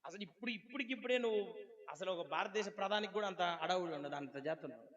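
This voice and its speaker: A man's voice: animated, rapid-fire, muffled recording. A male pastor preaching a sermon with fervent, rising exhortations and plain, scolding asides to the congregation. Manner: impassioned preaching, rising to loud high exhortation. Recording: long hall reverb.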